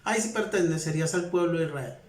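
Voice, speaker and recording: A man's voice: a little high, fast talker, echoey room. A man, a pastor preaching to a present congregation in an earnest, repetitive way. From Colombia. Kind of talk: sermon. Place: congregation hall with audience present.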